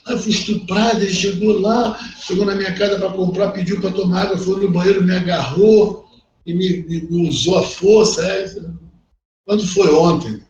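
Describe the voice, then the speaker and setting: Recorded from an online class call, this conversational law lecture features a middle-aged man with a Brazilian Portuguese accent, high-voiced and at normal speed. He talks bluntly and animatedly, performing the quoted voices himself, with a distant mic giving dull, echoey sound and faint noise.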